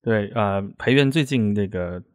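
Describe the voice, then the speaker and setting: A man with a Chaoshan Teochew accent, a native Teochew speaker, hosts a casual interview and talks haltingly, often repeating words. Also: lowish voice, no echo, clean studio sound. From Chaoshan, southern China. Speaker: podcast host.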